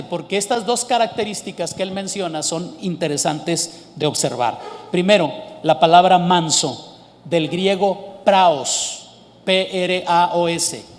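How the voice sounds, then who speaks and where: High-pitched emphatic preacher in a hall. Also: male voice. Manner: emphatic, asks the congregation questions. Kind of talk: sermon. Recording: long hall reverb.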